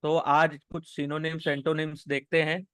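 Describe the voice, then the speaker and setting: A man gives a classroom vocabulary lesson at an unhurried pace, in a slightly raised voice. He spells each word out letter by letter and keeps checking in with the class before moving on. The recording is dry, with no room echo. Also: on the high side, flat delivery, a bit bright, clear, resonant tone. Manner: spells words letter by letter, repeats "theek hai" often. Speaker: English teacher.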